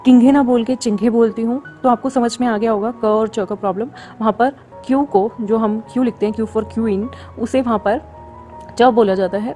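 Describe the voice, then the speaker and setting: A woman with a high yet dark-toned voice hosts and narrates on her story channel. Talking casually and frankly straight to her viewers, she scolds a pushy fan.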